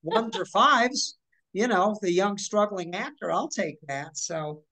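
Slow and medium-pitched, a voice actor in her forties chats over video from her living room as an interview guest. She's animated and talkative, uses lots of hand gestures, and keeps stopping and restarting her sentences while telling stories.

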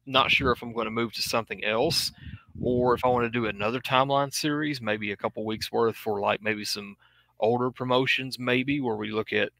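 A man's voice: mid-range voice, fairly even intonation, brisk, creaky, bright, forceful tone, no echo, low-quality recording. A man guesting on a casual wrestling podcast over a video call, thinking aloud with loose hesitation. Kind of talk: casual chat.

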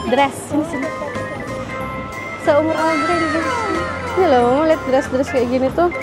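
A woman's voice: high voice, moderate pace, loud music behind the voice, over a noisy crowd. A young woman and mother chatting casually to her viewers while walking through a shopping mall, filmed on a handheld camera. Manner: chatty, addresses viewers as guys, playful laughs. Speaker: mother and vlogger. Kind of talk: casual family vlog chat. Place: indoor shopping mall, then car.

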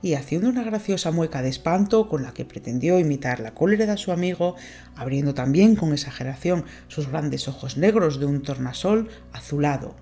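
A woman narrating an audiobook, reading a novel in a measured, expressive way. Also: low-pitched, faint music behind.

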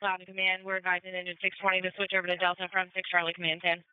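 A woman dispatcher speaks over crackly two-way radio. She is formal and brisk, with clear diction through dull, lo-fi scanner audio. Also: fairly low pitch, monotone, no echo. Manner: formal, procedural. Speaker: emergency dispatcher. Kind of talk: emergency radio dispatch announcements.

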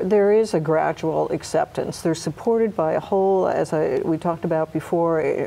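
A middle-aged woman, a hospice nurse educator, answering interview questions in a soft, halting, hesitant way. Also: sits low, creaky, low-quality recording. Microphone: lapel mic.

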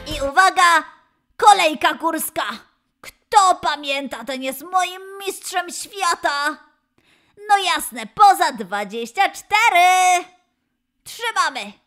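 A woman voicing a cheery male lion mascot who leads a children's dance and gymnastics class, calling out poses with excited, drawn-out cheers. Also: very high-pitched, faint music behind, full character voice. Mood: cheerful. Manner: excited, sing-song cheering, drawn-out calls. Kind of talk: children's exercise instruction.

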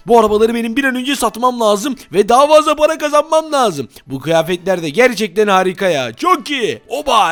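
Man, very high voice, jumpy, excitable, Minecraft role-play narration. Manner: excitable, jumpy, talks to viewers. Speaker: gaming channel host.

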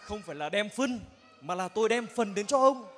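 A man playing a customer in a stage comedy sketch, calm and teasing. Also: high-pitched, a little fast. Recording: reverberant hall.

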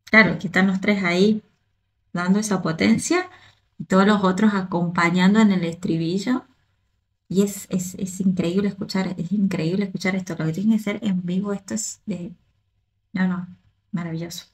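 A woman from the Río de la Plata region, a choreographer and dance teacher giving excited, casual reaction commentary, repeating herself and restarting often. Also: medium pitch, moderate pace.

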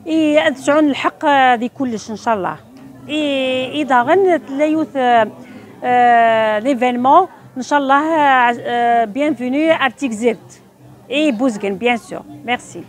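A woman in her fifties from Tizi Ouzou introduces herself as a craft exhibitor, pausing often with fillers, at an outdoor fair stand. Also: high-pitched. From Tizi Ouzou, Algeria. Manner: hesitant, many fillers.

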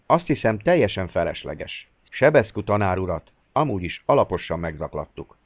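A man voicing a courteous, sly Russian major in an audiobook, polite and gently ironic. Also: sits low, sing-song, no echo, muffled recording.

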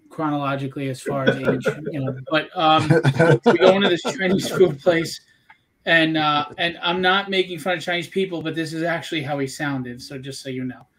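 A man's voice: a little high, a bit bright, low-quality recording. A man hosting a live stream, chatting casually in a rambling, joking, candid way. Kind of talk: casual chat.

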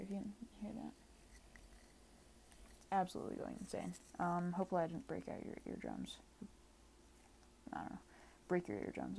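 A gaming channel creator records casual gameplay commentary from a room at home on a desk microphone, sounding perpetually tired, offhand and rambling. Her voice is on the low side, gravelly and warm, with slight background noise.

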